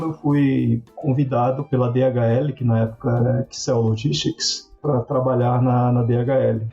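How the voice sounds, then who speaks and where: Measured man with a dark tone. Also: medium pitch, dull audio. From Bahia, Northeast Brazil. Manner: measured, often adds tag questions. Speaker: logistics executive guest. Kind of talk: podcast interview answers.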